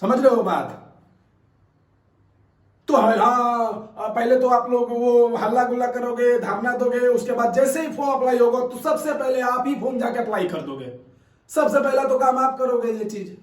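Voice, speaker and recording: Guy with a really high voice giving his opinion to viewers, repeats himself a lot, sounds kinda far off in an echoey room. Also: normal speed. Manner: conversational, keeps asking "haan?" to viewers; emphatic, repeats points. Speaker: fitness academy coach and channel host. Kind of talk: casual opinion talk to camera. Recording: roomy echo, voice set back from mic.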